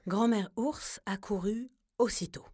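A woman narrating a children's story in a calm, gentle way. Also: mid-range voice, unhurried, slightly rough, no echo, studio quality.

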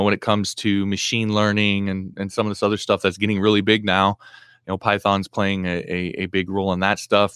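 A man's voice: on the low side, fairly bright tone, smooth, no room sound, studio quality. A man hosting a casual live stream Q&A, reading viewer comments aloud and answering with blunt, practical advice, full of fillers and restarts.

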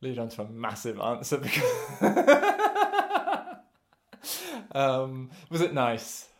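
A man co-hosts a podcast, and his talk is casual and brisk. He jokes his way through the chat with a self-aware, teasing edge, at a middle pitch. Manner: quick, joking, self-aware banter. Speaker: podcast co-host.

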